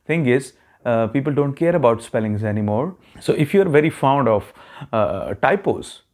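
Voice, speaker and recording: An animated man with a mid-range, slightly mellow voice at normal speed hosts a YouTube channel on immigration advice. Casually explaining a test strategy, he checks in with "okay" a lot; his accent is neutral, and he calls himself not very fluent in English.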